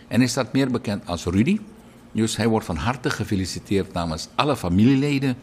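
Presenter, male, middle-aged, very deep voice, chatty anecdotal delivery. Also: a little hiss or hum. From Suriname. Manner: chatty, lively, digresses into anecdotes. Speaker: radio and TV presenter. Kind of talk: birthday announcements on broadcast.

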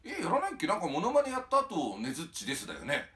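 A man doing a nosy, blunt middle-aged local guy who chats freely, with a lively, high-swinging voice. The voice sounds roomy and comes from a little way off the mic. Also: very fast. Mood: puzzled. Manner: blunt, familiar street talk. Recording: roomy, from a distance.

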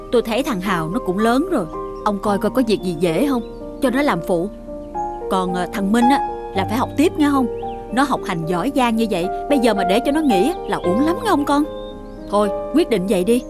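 A woman's voice: a little high, animated, normal speed, lightly acted. A middle-aged actress with a Southern Vietnamese accent, playing a caring aunt in a TV drama, coaxing and motherly. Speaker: aunt taking in orphaned nephews. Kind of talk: TV drama acting. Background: soft background music.

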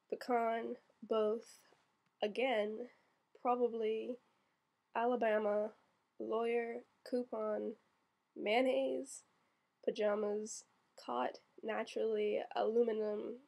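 Young woman from florida doing an accent tag, lots of ums, bit of vocal fry. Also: a little high, a little mellow. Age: 20s. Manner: chatty, many ums, reads word list aloud. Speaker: vlogger. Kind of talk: casual accent-tag vlog.

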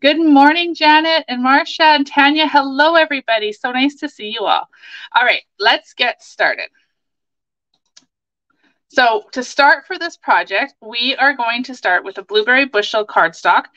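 Bright, chatty Canadian woman hosting crafts. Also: sits high, normal speed, dull audio. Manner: chatty, enthusiastic. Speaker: craft demonstrator and livestream host. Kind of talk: casual livestream craft tutorial. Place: small home office, indoors.

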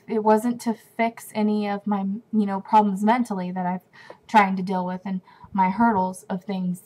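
A woman's voice: medium pitch, dark tone, rough recording. Chatty young woman vlogging at home. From California. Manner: chatty and rambling, with many fillers and restarts. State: runny nose. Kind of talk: casual talking-to-camera vlog. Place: at home indoors.

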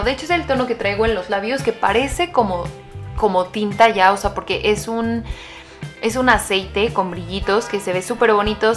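A woman's voice: mid-range voice, fairly bright tone. A young woman in her twenties chatting casually to camera as a beauty vlogger, gushing about her picks with many fillers and restarts. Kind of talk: casual makeup chat to camera.

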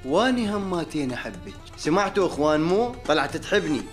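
A man's voice: on the high side, very animated, fast, faint music behind. A man with an Iraqi accent playing a cheeky, complaining taxi-office worker in a comic sketch. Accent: Iraqi Arabic.

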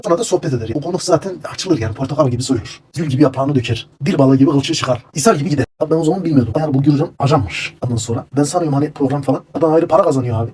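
A man's voice: on the high side, darkish tone. A man telling a rambling, conspiratorial comedic rant. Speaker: comedic ranting storyteller.

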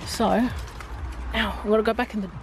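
A young woman chats to her viewers as she picks her way around an overgrown ruin, now and then calling softly for spirits. She is recorded outdoors on a handheld phone, with clear background noise around her. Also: medium pitch, steady tone, normal speed. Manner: chatty, addresses viewers as guys, hushed spirit calls. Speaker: paranormal explorer vlogger. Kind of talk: casual vlog narration to camera. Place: outdoors at a ruined overgrown gatehouse. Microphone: phone held at arm's length.

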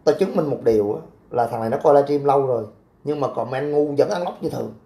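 A man's voice: medium pitch, fast talker, gravelly, warm tone. A young man, hosting a casual livestream, reading out comments and talking back in a brash, crude way. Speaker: livestream host.

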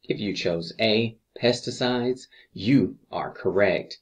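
Speaking in a fairly low voice, a man plays the role of an instructor and reads scripted exam review questions. He goes deliberately, pausing between each answer choice.

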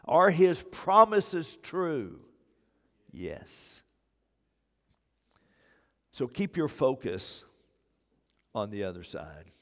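An older man preaching a sermon as pastor, pressing his points with repeated phrases, on a church stage on a wireless mic. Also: fairly low pitch. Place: church sanctuary stage, indoors. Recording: long reverb of a church hall.

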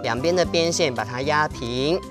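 Young male kids' show host, Taiwanese accent, high voice, coaxing talk-to-toddlers delivery, music underneath. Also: moderate pace. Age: young adult. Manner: speaks as if to toddlers, simple and coaxing. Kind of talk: presenting an origami lesson to small children. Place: television studio.

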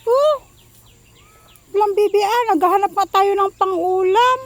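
Chatty high-voiced woman vlogging. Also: steady tone, fairly quick, dry recording. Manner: chatty, talks to viewers while walking and gathering vegetables. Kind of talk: casual cooking and garden vlog.

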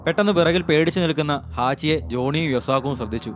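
A man narrating an anime episode recap as a scripted story, in a steady storytelling read on a close voice-over mic. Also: a little high, very fast. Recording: voice-over with clear music behind.

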